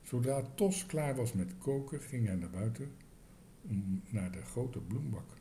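Gravelly, lively male storyteller. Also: mid-range voice, measured pace, slight background noise. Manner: lively, expressive reading. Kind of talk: children's story reading.

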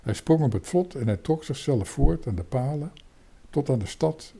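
A man reading a children's book aloud in a lively, expressive way. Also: medium pitch, moderate pace, creaky, breathy edge. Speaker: storyteller.

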